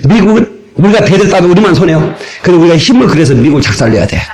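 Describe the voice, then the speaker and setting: A male pastor delivers a sermon from an old cassette tape recording, his voice sitting a bit high for a man. He preaches in an animated way, with a lively, swinging pitch that jumps between quiet asides and raised, shouted lines. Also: rapid-fire, rough recording. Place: church sanctuary.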